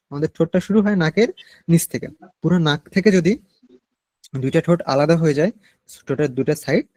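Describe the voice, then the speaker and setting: A Bangladeshi Bengali-accented man teaching a nursing class, explaining slowly and mixing in English medical terms. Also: on the high side, mellow, no room sound. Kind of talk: online class lecture.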